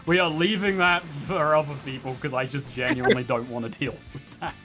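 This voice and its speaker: A man's voice: fairly high pitch, fairly even intonation, a little fast, fairly bright tone, faint music behind. A man streaming a video game, chatting casually, laughing often and swearing in playful exasperation.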